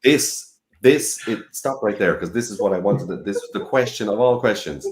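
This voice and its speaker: A man's voice: lowish voice, lively intonation, moderate pace. An Irish-accented man hosting a casual chat show from his sunroom, effusive and exclamatory, often repeating his phrases. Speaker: host of an online music show. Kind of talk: casual chatty interview. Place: sunroom of a farmhouse. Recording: echoey room sound.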